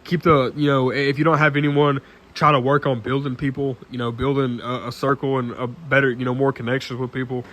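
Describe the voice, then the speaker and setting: A nineteen-year-old man talking casually to camera in an earnest, halting way, full of restarts and fillers, often clearing his throat. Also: medium pitch, level tone, fairly bright tone. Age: late teens. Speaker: vlogger.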